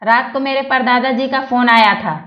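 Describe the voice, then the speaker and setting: A woman's voice: fairly high pitch, fairly even intonation, highs cut off, heavy background noise. A woman reading out short jokes one after another, laughing at her own punchlines. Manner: unhurried delivery, breaks into laughter after punchlines. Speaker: joke teller. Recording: echoey room.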